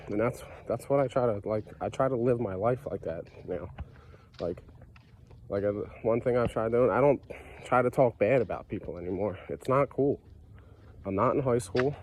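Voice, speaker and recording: This medium-pitched, slightly mellow male voice comes with a bit of background noise. The speaker is a stuffy-nosed vlogger with a cold, casually and sincerely recounting his recovery story, leaning on fillers and repeating himself.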